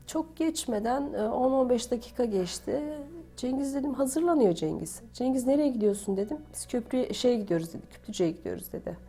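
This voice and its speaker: A woman's voice: a little high, animated, fairly quick, hardly any pauses, dark tone. A woman recounts a family ordeal for a documentary, reenacting conversations by quoting who said what. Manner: retells events by quoting dialogue with "dedim" and "dedi". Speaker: family member interviewed for a documentary. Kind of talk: emotional first-person recollection.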